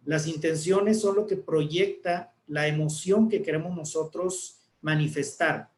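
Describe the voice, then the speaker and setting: A man, an announcer, explaining speaking techniques in a relaxed talk and demonstrating intonations. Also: fairly high pitch, measured pace, reverberant. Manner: didactic, demonstrates intonations with examples. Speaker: guest speaker, announcer and communicator.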